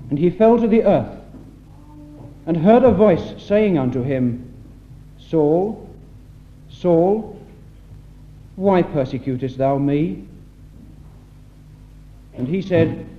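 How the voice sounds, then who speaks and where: A man solemnly reading scripture aloud at a church meeting, heard on an old 1960s tape recording. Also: on the high side. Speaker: scripture reader at a church address. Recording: muffled old tape with faint hiss.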